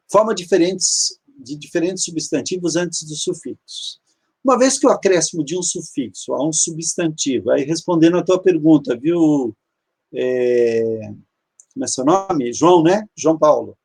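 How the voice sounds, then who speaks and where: A man teaching grammar in a live online class, with a fairly high voice for a man. He talks patiently and methodically, repeating each term and pointing things out on screen as he goes. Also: gravelly, a little mellow, slightly rough. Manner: patient, explanatory, repeats terms, walks through slides. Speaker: Hebrew teacher.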